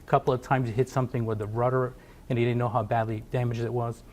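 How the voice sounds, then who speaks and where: A man's voice: mid-range voice, level tone, fast, darkish tone, a little hiss or hum. A middle-aged man from Portugal, a company founder, speaking in a TV business interview with many fillers and restarts. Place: TV studio.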